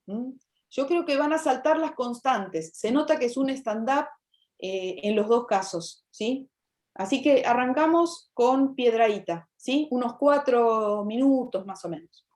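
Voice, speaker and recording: A woman's voice: on the high side, animated, unhurried, darkish tone. Argentine woman teaching a class. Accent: Argentine Spanish. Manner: explanatory, checks in with "¿sí?". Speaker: university literature teacher. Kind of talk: online class lecture.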